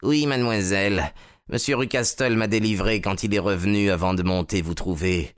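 A man's voice: fairly low pitch, moderate pace, clean tone, no room sound, studio quality, close to an everyday voice. A man voicing a tall, thin female housekeeper who speaks plainly and frankly.

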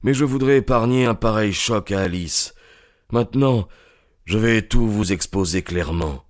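A man's voice: on the low side, normal speed, dry recording, clean studio sound, close to an everyday voice. An actor playing a remorseful old man who is dying, speaking in a heavy, weary, pleading way.

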